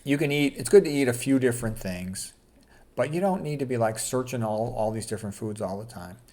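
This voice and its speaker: Here a male doctor talks at a medium pitch in an animated, brisk way, his tone leaning dark. His informal health lecture mixes read-out quotes with blunt, colloquial opinions.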